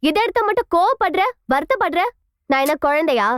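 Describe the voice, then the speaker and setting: A woman's voice: extremely high pitch, expressive, fairly quick, fairly bright tone, no echo, studio quality. An actress voicing an earnest, determined young girl. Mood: protesting.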